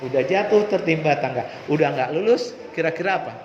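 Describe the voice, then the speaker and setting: A man's voice: fairly high pitch, animated, fast talker, a little mellow. A man giving a motivational storytelling talk to students, asking rhetorical questions. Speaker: school orientation speaker. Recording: echoey hall, dull sound, faint noise.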